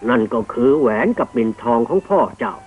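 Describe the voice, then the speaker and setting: An actor playing a kind, wise old male hermit who speaks gently to his grandson, in an old cartoon. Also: mid-range voice, expressive, brisk, lightly acted. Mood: fatherly. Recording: tinny old film soundtrack with music.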